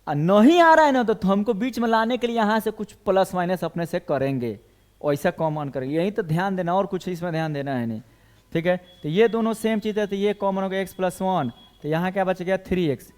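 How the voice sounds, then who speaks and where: A man with a high voice teaches a math class in a classroom. He works through each equation step by step and keeps putting questions to his students. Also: brisk, a little mellow. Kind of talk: classroom lecture.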